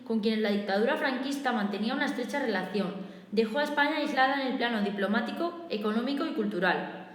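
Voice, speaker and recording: A female teacher with a Spanish accent reading a recorded review lesson in a steady, methodical way, listing points one by one. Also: on the high side. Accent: Spain. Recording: echoey room with long reverb.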